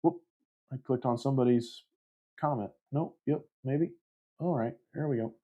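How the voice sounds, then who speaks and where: A man's voice: mid-range voice, moderate pace, phone-quality sound. A man casually hosting a livestream, reading viewer comments aloud and rambling with self-deprecating laughs. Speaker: livestream host.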